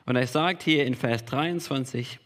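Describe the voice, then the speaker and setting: A man's voice: mid-range voice, a little slow, a bit bright. A man preaching a sermon as pastor, emphatic and repeating key phrases for weight. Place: church hall. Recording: long reverb of a large hall.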